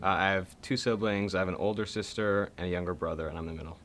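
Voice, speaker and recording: Very deep, fast-talking young man. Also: fairly even intonation, over music. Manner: hesitant, starts with "uh". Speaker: graduating homeschool student. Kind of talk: casual interview answers.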